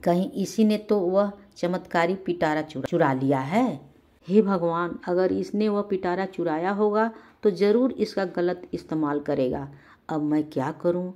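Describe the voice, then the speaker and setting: A woman's voice: on the low side, unhurried, warm tone, lightly acted. A woman voicing an honest village farmer who speaks anxiously and thoughtfully. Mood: worried.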